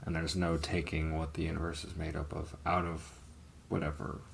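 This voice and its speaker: Hosting a live stream, a man recounts his life in a slow, low, gravelly voice with little pitch movement, drifting off and restarting amid plenty of ums and curses. His hesitant, rambling testimony is casual, with faint noise humming in the background.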